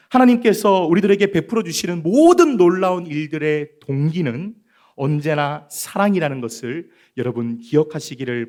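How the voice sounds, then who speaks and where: Male pastor, sermon from the pulpit mic, high-pitched and animated, earnest. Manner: earnest, addresses listeners directly, rises and falls sharply in loudness. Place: church sanctuary.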